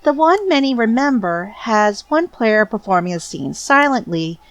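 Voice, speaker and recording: Lively woman narrating fan commentary. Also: a little high, normal speed, dry recording. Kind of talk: scripted narration.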